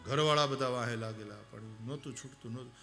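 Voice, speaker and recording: Bright-voiced preacher. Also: male voice, medium pitch, fast talker, faint music behind. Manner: animated, acts out quoted voices, sings verses. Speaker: religious storyteller. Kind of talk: devotional sermon with anecdotes.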